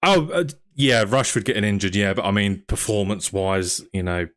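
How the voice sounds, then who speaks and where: A young man with a somewhat low voice hosts a relaxed football chat. He talks in an easygoing, chatty way, asking his co-host questions and reading out comments from viewers. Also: moderate pace. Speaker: podcast host.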